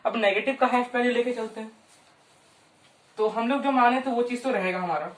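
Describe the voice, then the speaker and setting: A woman teaching a maths lesson at a whiteboard in a chatty way, drawing out long strings of digits slowly and checking in with her students often. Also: fairly high pitch. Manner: chatty, keeps checking in with "ठीक है" and "हाँ"; slows right down to spell out long strings of digits. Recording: roomy, voice from some distance.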